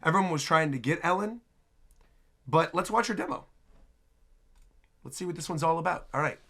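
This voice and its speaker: A host watches game trailers and reacts with animated, exclamatory commentary, half talking to himself. The voice is medium in pitch and moves at a moderate pace.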